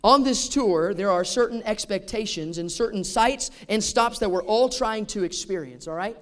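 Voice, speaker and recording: Male pastor, high-pitched, conversational sermon delivery with rhetorical questions. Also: moderate pace.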